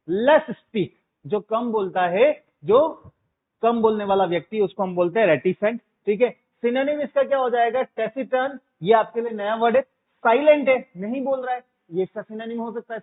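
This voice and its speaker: A male teacher giving a classroom vocabulary lesson, drilling his students with repeated questions and calling them 'beta'. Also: high voice. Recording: tinny phone-like sound.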